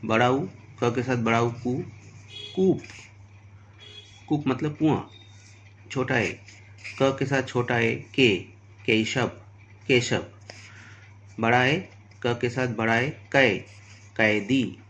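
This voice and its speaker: A man's voice: medium pitch, fairly even intonation, slow pace, long pauses, fairly bright tone, a little hiss or hum. A man teaching a Hindi grammar lesson to primary school children, patiently spelling out letters and examples. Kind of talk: slow, deliberate classroom lesson.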